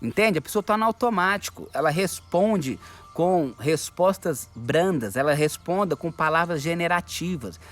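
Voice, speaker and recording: A man with a Brazilian Portuguese accent gives a motivational coaching talk in an animated way, slipping into quoted voices of other people. His voice sits somewhat high for a man. Faint music plays behind him. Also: moderate pace.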